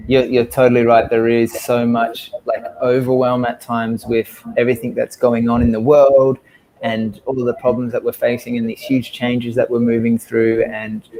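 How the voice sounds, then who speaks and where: A man interviewing in a gravelly, flat voice, upbeat and full of praise, dotting his questions with fillers. A faint hiss sits behind him. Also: medium pitch, low-quality recording. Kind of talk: casual interview.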